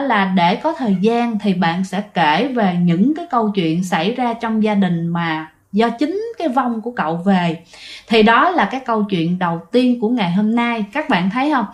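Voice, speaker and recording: A woman telling a ghost story in a chatty way, talking straight to her listeners. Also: mid-range voice. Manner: chatty, addresses listeners directly, many fillers. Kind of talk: casual spoken storytelling.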